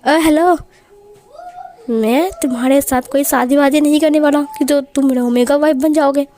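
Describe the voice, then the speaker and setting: A woman's voice: high voice, steady tone, moderate pace, warm tone, slight background noise, natural voice. A woman voicing a short-tempered young male mafia boss who snaps and threatens. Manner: snapping, threatening, bossy.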